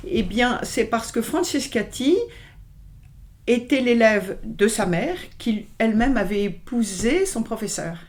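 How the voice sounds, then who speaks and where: A woman's voice: on the high side, lively intonation, unhurried. A woman violinist answering interview questions, speaking with many hesitations, fillers and restarts. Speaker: violinist guest. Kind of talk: conversational interview.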